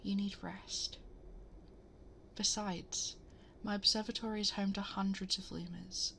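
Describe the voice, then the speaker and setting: A woman as Princess Rosalina, soft motherly half-whisper. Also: medium pitch, fairly even intonation, unhurried, slight background noise. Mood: soothing, reassuring. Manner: soothing, tender, reassuring, often breathy half-whisper. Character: gentle, motherly ageless cosmic princess, comforting a lost child. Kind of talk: ASMR bedtime story roleplay. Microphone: close binaural 3Dio microphone.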